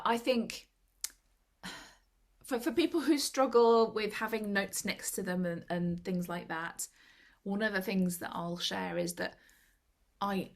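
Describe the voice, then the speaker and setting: A woman sharing tips in a casual chat over a laptop video call, laughing often and acting out little quotes. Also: on the low side. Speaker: club member giving tips.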